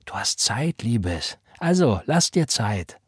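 A man's voice: mid-range voice, very animated, takes it slowly, breathy edge, no echo, clean studio sound, heavily acted. A man reading an audiobook and voicing a blunt, motherly older woman who talks in an emphatic, preachy way. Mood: comforting. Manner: preachy, emphatic, invokes the Lord. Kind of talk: audiobook character voice.

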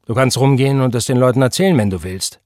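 A man's voice: fairly low pitch, normal speed, a little mellow, breathy edge, no room sound, clean studio sound. A man reading the part of an angry, self-righteous preacher who speaks in an indignant, defensive and scornful way.

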